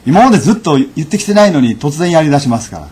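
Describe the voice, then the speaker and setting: Lively-pitched man telling a lesson story. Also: slightly rough. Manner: measured, unhurried delivery with frequent fillers. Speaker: lecturer. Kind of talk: storytelling lecture.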